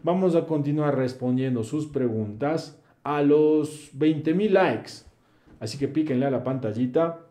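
A man's voice: fairly high pitch, a little slow, mellow. A young man hosts a live stream. He reads viewers' questions aloud and answers them in a blunt, preachy, slangy way. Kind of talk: live Q&A, reading chat comments aloud.

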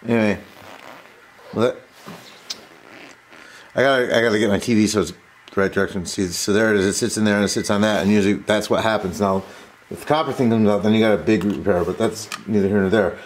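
A repair tutorial host works at an indoor workbench, talking fast in a lowish voice but pausing often. His hands-on explanation is casual, rambling, and full of self-interruptions, and a steady background noise is noticeable.

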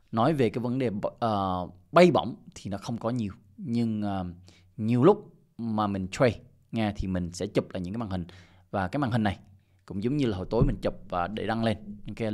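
Casual low-voiced man, filler-heavy chat. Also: darkish tone. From Vietnam. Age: middle-aged. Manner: loose and repetitive, peppered with "ok" and "à" fillers. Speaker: crypto channel host. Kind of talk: casual screen-share market commentary.

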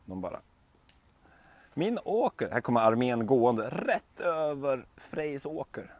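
A man telling a bedtime story to a child in an animated way, with sound effects and lively voices. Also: medium pitch, dry recording.

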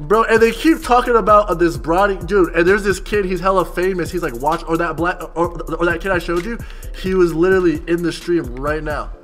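A man in his twenties hosting a livestream in casual, slangy, excitable frat-bro talk, peppered with bro, yo and dude. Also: high-pitched, fairly quick, soft background music. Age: 20s. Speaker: livestream host. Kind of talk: casual livestream chat with a guest. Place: indoor room, streaming setup.

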